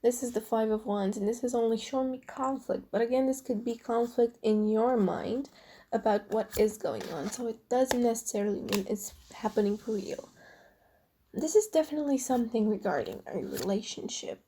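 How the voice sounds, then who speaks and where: A woman's voice: a little high, animated, normal speed, dark tone, a little hiss or hum. A young woman giving a casual tarot reading to her viewers, chatty and earnest, who says she is losing her voice. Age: young adult. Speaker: tarot reader.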